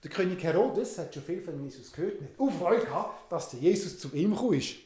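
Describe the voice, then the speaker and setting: An animated storyteller retells a Bible story with a lively, swinging pitch. The telling is dramatic, full of voiced characters. The room adds a noticeable echo. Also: fast talker. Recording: roomy echo.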